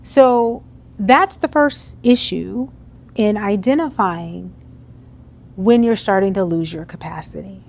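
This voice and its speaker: A woman delivers a motivational keynote in an unhurried, measured way, leaving room between her phrases. Her pitch sits in a middle range. She keeps it conversational and keeps turning to the audience with questions. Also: vocal fry. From United States. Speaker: keynote speaker. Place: event hall before a live audience.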